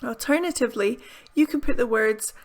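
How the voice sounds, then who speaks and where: Speaking fairly quickly, a woman teaches English to camera in a scripted video lesson with an upbeat, bright manner and careful enunciation. Her slightly high voice carries gravelly fry at phrase ends, and the sound is close-miked in a small room indoors.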